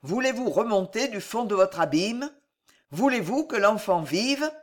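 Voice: medium pitch, lively intonation, a little slow, pitched above the performer's own voice. A reader voicing a passionate, pleading male monk in a dramatic audiobook, impassioned and insistent.

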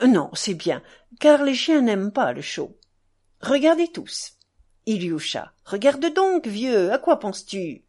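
A woman reading the part of an eager, proud schoolboy who talks in a lively, boastful, hurried way. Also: fairly high pitch, exaggerated voice. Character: eager proud schoolboy showing off his dog.

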